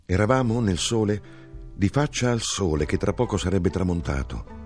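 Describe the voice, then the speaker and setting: A man reading a literary novel aloud in a slow, reflective manner, dropping low on quiet asides. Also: animated, soft background music. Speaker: audiobook narrator.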